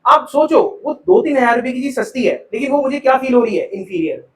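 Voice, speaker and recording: There's a slight hiss or hum over this distant, echoey classroom recording of a man teaching commerce live. His high, bright voice is animated and quick, and he keeps asking the students questions, calling each of them "beta."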